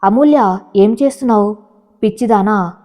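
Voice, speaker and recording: A woman's voice: medium pitch, normal speed, mellow, close to an everyday voice. A woman voicing a young male tycoon who is passionate and protective, speaking in urgent, emotional bursts. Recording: long hall reverb.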